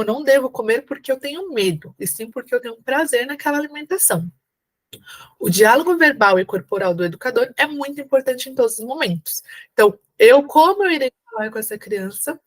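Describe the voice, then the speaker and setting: A woman from Brazil with a São Paulo accent gives an exam-prep lesson, her voice pitched a little high. She explains patiently and keeps checking that her students follow along. Now and then she acts out warm, coaxing phrases, as if speaking to a small child at the table. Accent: São Paulo Brazilian Portuguese. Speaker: teacher preparing candidates for an exam. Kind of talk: online lecture.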